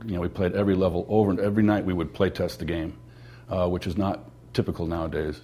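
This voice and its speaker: A man's voice: sits low, little pitch movement, quick pace, mellow. A man, a game developer, sharing enthusiastic anecdotes in an interview. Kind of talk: interview recollection.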